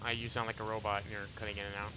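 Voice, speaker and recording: A man's voice: on the low side, little pitch movement, racing, slight background noise. A young man chatting casually and swearing while playing a strategy game with friends. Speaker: gamer host. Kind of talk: casual gaming chat. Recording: loud keyboard and mouse clicks.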